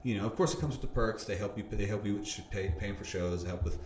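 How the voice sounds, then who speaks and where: A man being interviewed, telling a story casually, animated, laughing often and restarting his sentences. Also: on the low side, fast. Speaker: bodybuilder interviewee. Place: gym or park. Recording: roomy echo, faint background hum.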